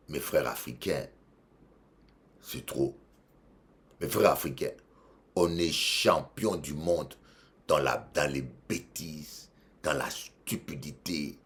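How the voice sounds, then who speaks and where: A man with a Congolese French accent, a bishop preaching a sermon, emphatic and repeating phrases, swinging between loud and quiet. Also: very deep voice.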